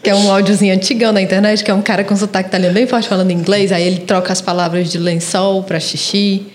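Chatty Brazilian woman, mid-pitched. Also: flat delivery, a little hiss or hum. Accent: Brazilian Portuguese. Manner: chatty and quick to laugh. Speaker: guest. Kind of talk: casual podcast chat.

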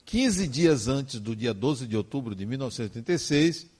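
Older Brazilian man telling a lively story. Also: medium pitch, husky. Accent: Brazilian Portuguese. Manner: emotive storytelling with slow, emphatic phrasing. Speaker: spiritist speaker. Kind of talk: personal testimony talk.

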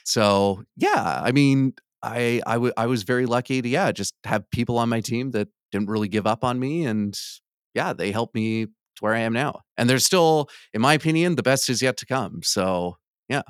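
A man in casual conversation as a guest, talking candidly in a hesitant, halting way. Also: medium pitch, no room sound, studio quality.

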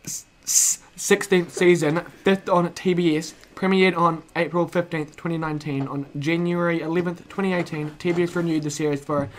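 A man's voice: a little high, fairly even intonation, moderate pace. A teenage boy, casually reading facts aloud as a co-host, goofy and often stumbling over words.

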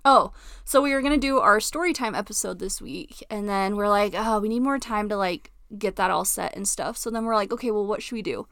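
A woman's voice: medium pitch, a little fast, a bit bright, no echo, studio quality. A young woman co-hosting a podcast, chatting casually with lots of giggles and fillers. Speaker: podcast co-host. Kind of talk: casual chat.

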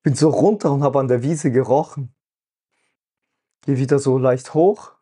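A man's voice: medium pitch, normal speed, mellow, breathy edge. A man hosting a podcast, telling a personal story in an earnest, emotional way and often checking in with his listener. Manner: earnest, emotional, full of "weißt du" fillers. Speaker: podcast host.

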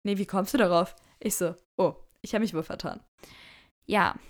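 A woman's voice: mid-range voice, moderate pace. A young woman hosting a podcast, casually telling a dating story to her listeners and acting out both sides of the dialogue. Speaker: podcast host.

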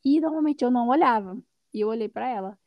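A woman guest on a podcast, telling her stories in a casual, lively way and laughing often. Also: a little high, fast talker, dry recording, lo-fi sound. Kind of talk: casual conversational storytelling.

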